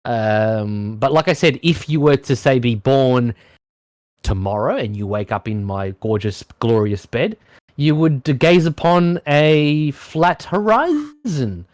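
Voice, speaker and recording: Halting, lecturing man in a dry debate. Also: mid-range voice, animated, a little mellow, dry recording. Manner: halting, lecturing, formal wording. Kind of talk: informal online debate.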